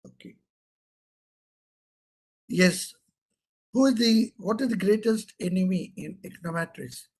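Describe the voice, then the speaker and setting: Teaching an interactive class online over a computer microphone, a middle-aged professor with an Indian English accent speaks at a measured pace with long pauses. His voice is fairly high and a bit husky, and he repeatedly quizzes students and goes back over key terms.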